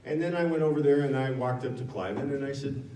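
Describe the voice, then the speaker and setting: A man's voice: mid-range voice, quick pace, dark tone. A man from Nevada speaking as a guest at a town hall, telling a personal story in a frank, conversational way and correcting himself as he goes. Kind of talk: storytelling talk to an audience. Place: town hall meeting room. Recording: echoey room from far off.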